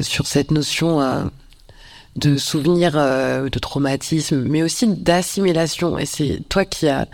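A man with a gravelly voice at a mid pitch moderates a discussion. He speaks conversationally, with a few fillers as he links one speaker's point to the next. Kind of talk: casual discussion.

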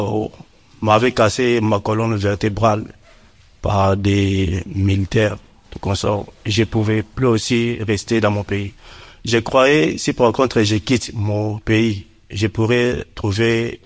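Slow, low-voiced man in halting non-native French. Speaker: artist and graphic designer. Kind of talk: personal testimony in a group discussion.

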